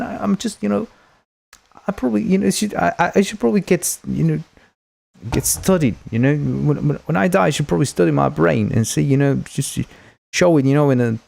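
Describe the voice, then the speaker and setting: A man with a gravelly, darkish mid-range voice chats casually on his game development livestream. Spanish is his native language, and he rambles, cracks jokes, and thanks his viewers frequently.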